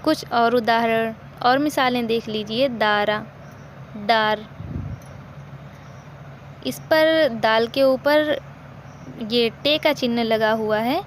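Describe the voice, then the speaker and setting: A woman teaching a recorded language lesson, explaining slowly, repeating examples and asking questions she answers herself. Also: a little high, slight background noise.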